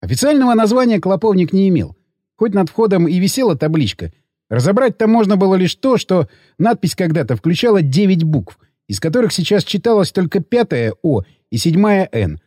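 A man narrating an audiobook in an expressive, ironic storytelling manner. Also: high-pitched, a little fast, no room sound, studio quality.

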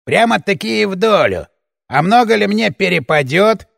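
Man doing a gravelly, sneering old chief. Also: high voice, lively intonation, a bit bright, dry recording, clean studio sound, voice pushed up, exaggerated voice. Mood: mocking, haggling. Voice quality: gravelly creaky voice. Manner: slow, sneering, threatening drawl. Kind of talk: audiobook character voice.

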